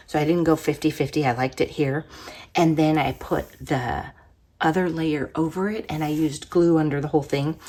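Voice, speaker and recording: A woman's voice: low voice, husky. A woman hosting a crafting channel, chatting casually as she shows her work, her voice worn from being under the weather. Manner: chatty, rambling, soft-spoken at times. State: sick, voice worn from a cold. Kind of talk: casual crafting show-and-tell.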